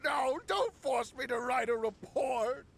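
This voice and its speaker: A man's voice: very high voice, expressive, unhurried, fairly bright tone, exaggerated voice. An actor playing a drunk, crazed male researcher who giggles and rambles in an unhinged way. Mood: manic, cackling.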